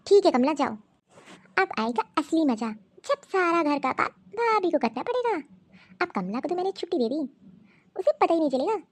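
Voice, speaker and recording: A woman voicing a scheming, bossy young sister-in-law in an animated cartoon story, coaxing and ordering others about. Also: very high-pitched, normal speed.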